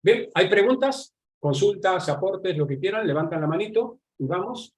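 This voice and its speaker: Argentine male lecturer, slightly raised pitch, chatty and explanatory, checks in with listeners constantly. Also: lively intonation, normal speed. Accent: Argentine Spanish. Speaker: lecturer on nonverbal communication. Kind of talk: live online class lecture.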